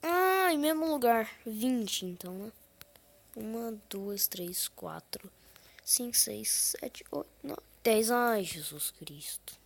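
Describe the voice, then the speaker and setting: A woman's voice: mid-range voice, takes it slowly, creaky, slightly rough. A woman casually commenting on her own gameplay, counting under her breath, whispering asides and breaking into sudden frustrated outbursts. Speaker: gaming channel host.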